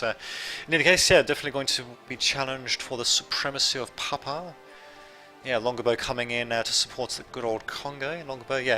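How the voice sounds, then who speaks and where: On a rough recording, a medium-pitched man with a bright, forceful tone commentates casually over a strategy game. Originally from Serbia and raised in Australia, he has a light Australian accent, and his talk rambles and self-corrects, with chatty asides to viewers.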